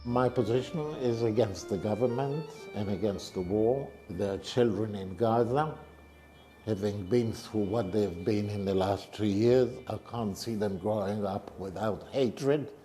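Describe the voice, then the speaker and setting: A man in his eighties, a retired professor, giving grave, measured interview answers. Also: on the low side, warm tone, faint music behind. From Israel. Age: 80s.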